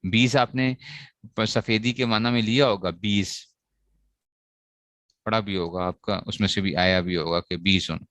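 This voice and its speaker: Lecturing male teacher, low dry voice. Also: fairly even intonation, a little slow, long pauses, fairly bright tone, no room sound. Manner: asks questions and answers them himself, repeating key points. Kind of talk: classroom lecture on Arabic grammar.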